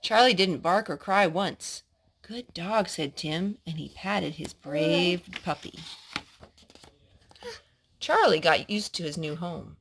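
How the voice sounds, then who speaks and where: A woman narrates a children's book with playful animation meant for a child, occasionally stopping to explain or ask a question. She has a lowish voice.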